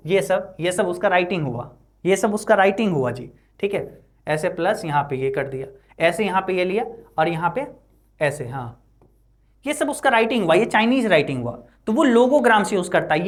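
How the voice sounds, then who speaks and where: A woman's voice: medium pitch, very animated. Chatty woman teacher explaining line by line. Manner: constant "है ना" and "ठीक है" tag checks; reads English lines slowly, then explains. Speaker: English teacher.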